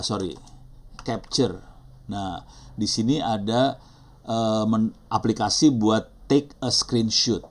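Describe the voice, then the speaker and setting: A middle-aged man with an Indonesian accent teaching an online class, talking casually and apologizing often as he thinks aloud. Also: on the low side. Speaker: instructor. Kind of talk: live online teaching session.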